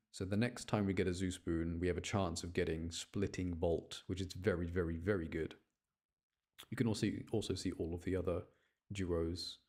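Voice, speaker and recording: This gaming content creator has a low, mellow voice. He offers casual commentary on his gameplay, rambling along as he talks to himself and explains the choices he makes.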